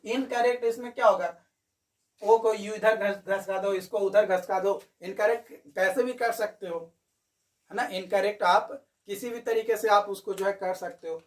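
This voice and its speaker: A man's voice: sits high, fairly even intonation, normal speed, distant mic. A male coaching teacher going through exam answers in a chatty video lesson, repeating his key points.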